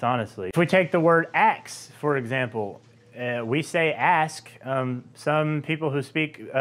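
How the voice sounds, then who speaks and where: A young man from Georgia with a light Southern accent, explaining a language topic to camera in a relaxed, conversational way with frequent fillers. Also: mid-range voice. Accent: Southern US, softened. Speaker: linguistics video host.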